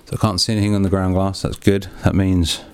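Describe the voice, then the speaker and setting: A podcast host talks in a low, flat voice at a quick clip, his tone clean and a little mellow. He rambles chattily, putting himself down and swearing casually while working hands-on in a small, echoey darkroom.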